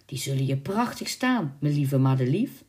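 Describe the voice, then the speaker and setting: A woman's voice: a bass voice, big pitch swings, normal speed, darkish tone. A woman voicing an arrogant, lustful young nobleman in a spoken storybook, with a haughty, demanding manner. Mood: wooing.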